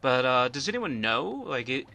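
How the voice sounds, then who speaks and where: A man's voice: medium pitch, sing-song, moderate pace, creaky, sharp tone. A man giving casual let's play commentary, rambling and often stuttering on the first syllables of words.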